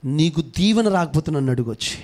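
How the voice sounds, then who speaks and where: A man preaching with a high, ringing voice. He works himself up to loud, urgent repeated cries, then drops back to a low, pressing tone to drive his point home. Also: expressive, brisk. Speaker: pastor. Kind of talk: sermon.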